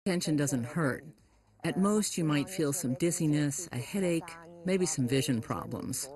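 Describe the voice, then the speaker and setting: A health critic giving measured, explanatory comments on a dish. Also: medium pitch, animated, darkish tone. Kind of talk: expert commentary.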